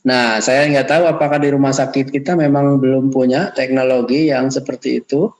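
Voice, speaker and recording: A man's voice: mid-range voice, steady tone, brisk, poor audio. Man giving an unscripted lecture. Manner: unscripted, addresses students politely as ladies and gentlemen. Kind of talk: online lecture.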